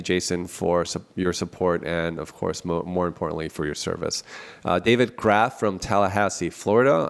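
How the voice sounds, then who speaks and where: A man's voice: low voice, smooth. A man hosting a casual podcast from a small office, talking in a nasal, stuffy voice, chatty and self-deprecating, laughing often. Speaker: podcast host. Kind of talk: casual solo podcast talk with phone calls.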